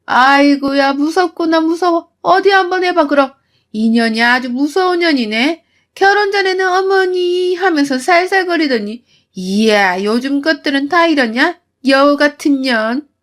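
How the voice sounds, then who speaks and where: A woman voicing a harsh, scolding mother-in-law in a storytelling narration, raising her voice into shrill insults. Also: animated, measured pace, fairly bright tone, full character voice. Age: older. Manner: shrieking, insulting, cutting.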